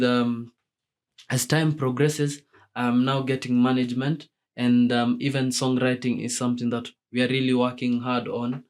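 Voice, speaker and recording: A man's voice: mid-range voice, a little mellow, smooth. A young man from Kenya answering radio interview questions about his music, with many fillers and restarts. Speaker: musician guest.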